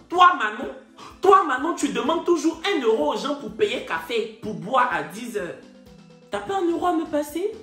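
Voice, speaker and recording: Animated storyteller, man. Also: high voice. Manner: animated, repetitive, indignant asides. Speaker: comedian storyteller. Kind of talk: comic storytelling. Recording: echoey room, faint music.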